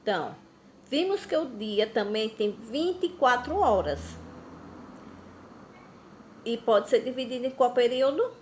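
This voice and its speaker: A Brazilian woman teaching a recorded class to young children, slow and patient, drawing out words. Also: fairly high pitch, expressive, a little hiss or hum. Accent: Brazilian Portuguese. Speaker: primary school teacher. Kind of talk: recorded remote class lesson.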